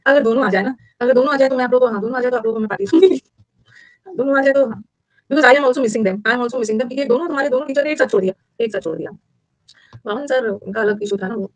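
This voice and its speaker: In this online vocabulary class for exam prep, a woman with an Indian accent chats with her students, asks them questions, repeats the key words and blends English into her Hindi. Her pitch is fairly high. The audio is poor, with no room sound.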